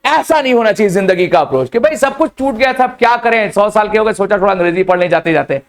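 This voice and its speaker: एक पुरुष शिक्षक जो कोचिंग क्लास में छात्रों को "बेटा" कहकर समझाते हुए अंग्रेज़ी पढ़ा रहे हैं।. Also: male voice, high voice, quick pace. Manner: addresses students as beta, lively and coaxing. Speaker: English teacher. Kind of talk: classroom lecture. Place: coaching classroom.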